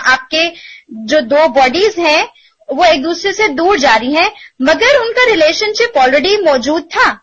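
A woman teaching tajweed to students, explaining patiently and sounding out syllables slowly as examples. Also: high voice, a bit bright, lo-fi sound. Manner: explanatory, asks students rhetorical checks, demonstrates syllables slowly. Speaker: Quran recitation teacher. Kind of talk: online tajweed lesson in Urdu mixed with English.

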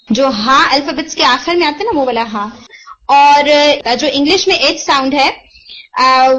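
A woman's voice: sits high, sharp tone. A woman teaching Arabic pronunciation, patiently explaining and demonstrating the sounds in a mixed-language online lesson. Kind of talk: online lesson, Hindi-Urdu mixed with English. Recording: dull, muffled lo-fi audio.

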